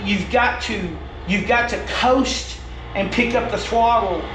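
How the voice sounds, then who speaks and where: This racing coach, a middle-aged man, takes things slowly in a high-pitched voice as he walks a driver through race footage at an indoor desk with a laptop. His explanations come in a patient, stop-start way. Background noise, a roomy echo, and underlying music are audible.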